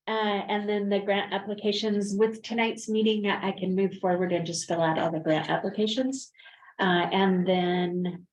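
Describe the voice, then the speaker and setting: A woman's voice: on the low side, a little mellow, low-quality recording. A woman on a transit district's staff giving an update at a board meeting, hesitant, with many fillers and restarts.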